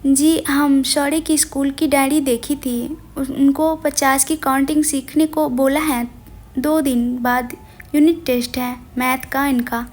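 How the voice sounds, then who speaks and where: A soft-spoken, caring young wife from a storybook tale, talking politely and gently, voiced by a woman narrator. Her voice sits high and light. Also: fairly even intonation, unhurried. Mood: gentle.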